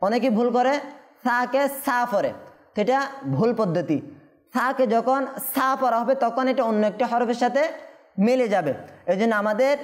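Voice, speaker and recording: A woman's voice: fairly high pitch, a little mellow. A woman teaching Quran letter pronunciation, patiently drawing out each sound and asking her pupils rhetorical questions. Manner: asks rhetorical questions to the class.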